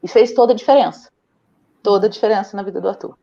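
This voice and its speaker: This young Brazilian mother speaks fast in a mid-range, gravelly voice with a Brazilian Portuguese accent, and the recording loses its highs. Chatting casually in an interview, she tells stories with animation and laughs often.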